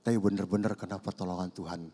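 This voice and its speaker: A man over fifty, preaching a conversational sermon and swinging between loud emphasis and hushed asides. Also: low-pitched, steady tone, very fast, slightly rough. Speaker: pastor. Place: large church hall. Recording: long church hall reverb.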